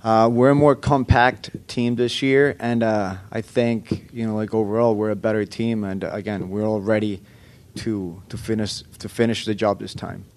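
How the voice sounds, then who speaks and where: A man's voice: on the low side, little pitch movement, a little mellow, no echo. Man as a live interpreter voice. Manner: halting, with many fillers and restarts. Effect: live interpreter voice relaying a player's answer. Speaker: interpreter for a ballplayer. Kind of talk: clipped sound bite in a news report.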